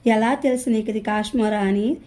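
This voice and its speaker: A woman voicing a wandering male fakir mystic in a storybook reading, in her own calm, mellow voice. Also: mid-range voice, normal speed, natural voice. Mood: stunned.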